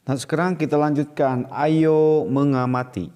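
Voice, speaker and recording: Slow, patient male teacher. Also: a little high, fairly even intonation, warm tone. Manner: patient, repeats points step by step. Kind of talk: recorded video lesson for children.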